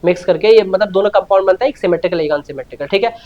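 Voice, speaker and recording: A man giving a chemistry class in a steady explanatory lecture voice. He walks students through each step, repeats key words, and fills the gaps with questions he answers himself. He keeps urging them to listen carefully and write things down. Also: high voice, rapid-fire, lo-fi sound. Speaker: chemistry teacher.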